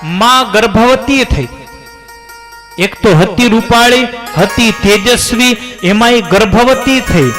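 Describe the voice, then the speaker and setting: High-voiced man telling a devotional story. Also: slow pace, music in the background. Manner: dramatic rises and drops in pitch. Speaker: religious storyteller. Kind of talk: devotional katha narration.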